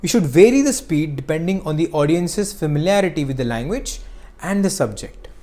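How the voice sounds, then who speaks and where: A teacher giving scripted narration on speaking skills, explaining clearly and acting out short examples. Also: mid-range voice, expressive, fairly quick, mellow.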